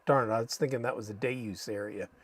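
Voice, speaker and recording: An American man hosting a casual live stream, thinking aloud haltingly and saying Spanish names with an American accent. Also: medium pitch, fairly even intonation, breathy edge, no echo. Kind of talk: casual live stream commentary while reading maps.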